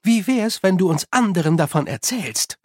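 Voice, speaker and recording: A reader doing a snappish, sarcastic schoolteacher. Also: female voice, fairly low pitch, big pitch swings, measured pace, breathy edge, dry recording, studio quality, voice pushed up, full character voice. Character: sharp, sarcastic young woman, schoolteacher.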